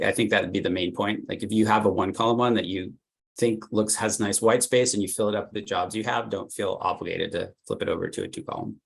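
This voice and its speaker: A middle-aged man with a low-set voice and a gravelly, fry-edged tone leads a career workshop. He talks casually and loosely, dropping "like" fillers and doubling words as he goes. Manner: chatty, many "like" fillers, repeats words. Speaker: workshop presenter, consultant.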